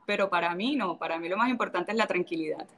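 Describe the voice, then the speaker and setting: A woman's voice: fairly low pitch, fast talker, fairly bright tone. A woman from Cartagena speaks with a Colombian Caribbean coast accent. She is a guest in a casual interview. Her talk is blunt and sassy, and she often slips into brief imitations of other people.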